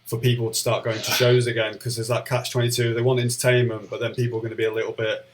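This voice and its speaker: A man's voice: mid-range voice, level tone, quick pace. Hesitant male podcast host, faint background hiss. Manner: asks questions, hesitant restarts. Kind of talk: casual interview chat.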